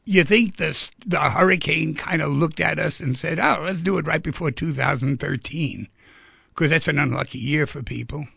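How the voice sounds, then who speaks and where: A man's voice: on the high side, normal speed, vocal fry, pushed and bright, breathy edge, no echo. A man hosting a radio talk show, chatty and rambling, asking guests lots of questions. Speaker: radio host. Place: radio studio.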